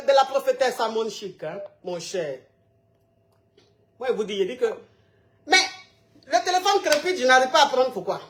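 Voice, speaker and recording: A woman hosts a live call-in advice show in a high, bright and forceful voice. She talks in a lively, exclamatory way and keeps scolding callers to speak up. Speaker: radio call-in advice host.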